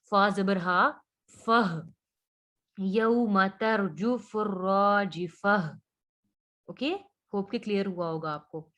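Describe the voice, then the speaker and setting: A woman teaching Quran recitation rules. She speaks patiently, asks and answers her own questions, and draws out the recited words slowly. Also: medium pitch, fairly bright tone. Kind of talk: online tajweed lesson.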